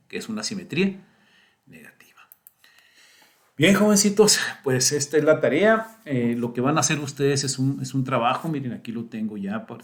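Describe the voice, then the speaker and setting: Male teacher, middle-aged, patient step-by-step screen-share lesson delivery, mid-pitched voice. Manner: patient, explaining step by step and often checking "¿sí?" and "miren".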